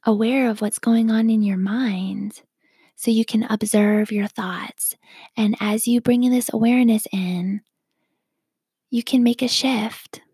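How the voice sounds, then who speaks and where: A woman leads a meditation slowly and calmly in a soft, breathy half-whisper, with gravelly fry at the ends of her phrases. Her voice sits on the high side, and the recording is dry and close with no room sound, as she gently instructs the listener.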